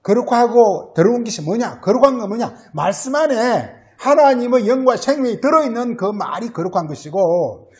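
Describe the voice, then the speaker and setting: A pastor preaching a Sunday sermon. He keeps asking questions and answering them himself, uses a lot of filler words, and often tacks a short tag word onto the end of a phrase. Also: sits high.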